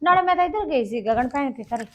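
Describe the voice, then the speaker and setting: A woman's voice: high-pitched, expressive, fast talker. A woman playing a dutiful village wife in an amateur short film, explaining herself a little defensively. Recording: dull lo-fi sound.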